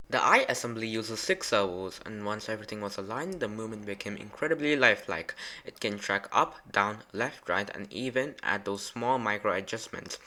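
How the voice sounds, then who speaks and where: A man's voice: fairly low pitch, bright, forceful tone. A young man giving a scripted narration as a student presenting a robotics project he built.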